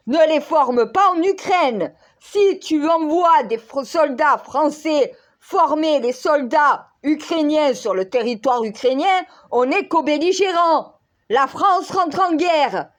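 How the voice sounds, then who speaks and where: A woman in an exasperated, agitated monologue, scolding leaders and calling on God, her voice worn hoarse. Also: high-pitched. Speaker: self-styled spiritual counselor. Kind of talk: ranting monologue video.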